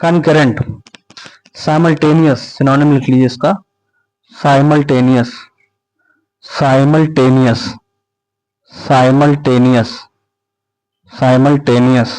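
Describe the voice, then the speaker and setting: This is a man running a vocabulary lesson for exam students. He speaks at an unhurried, deliberate pace, mixing Hindi explanations with terms. He repeats each word several times and spells it out letter by letter. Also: medium pitch, fairly even intonation, a little mellow, poor audio. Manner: repeats words slowly for dictation, spells letters out. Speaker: vocabulary teacher.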